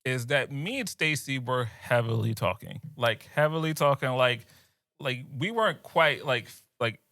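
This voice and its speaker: Telling a story on the podcast he co-hosts, this young man is lively, laughs a lot, and lowers his voice to a hush when quoting people. He speaks at a normal speed with a medium pitch. It's a dry, studio-quality recording.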